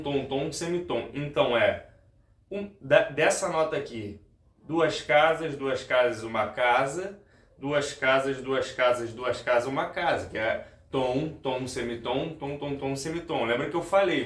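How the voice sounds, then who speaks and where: Male guitar teacher, mid-pitched, talks viewers through scales, echoey room with soft guitar. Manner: explains step by step, repeats key points, addresses viewers directly. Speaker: music teacher. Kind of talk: guitar lesson. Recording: roomy, with guitar playing.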